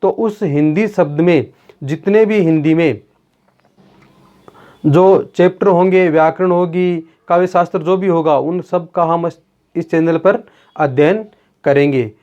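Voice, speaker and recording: In a classroom-style grammar lecture, a man with a fairly high, mellow voice explains things step by step at a measured pace, posing rhetorical questions and answering them himself. The recording sounds dull and lo-fi.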